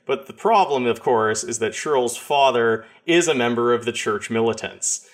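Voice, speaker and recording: A man's voice: mid-range voice, normal speed. A man recaps his tabletop session in an easy, meandering way. He is full of ums, likes and you-knows. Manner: relaxed, many fillers. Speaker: game master.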